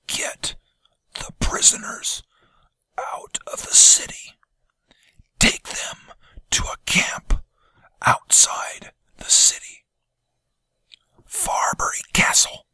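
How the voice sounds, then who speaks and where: A man voicing a wounded nobleman whose throat is torn, speaking in a hoarse, ragged whisper. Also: very slow, long pauses, pushed and bright, no room sound, full character voice. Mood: grim.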